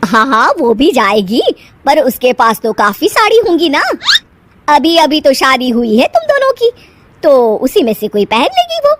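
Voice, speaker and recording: A woman's voice: high voice, very animated, normal speed, a little hiss or hum. A woman voicing a stern, partial middle-aged mother-in-law in a cartoon, scolding as she talks. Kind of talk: cartoon voice acting.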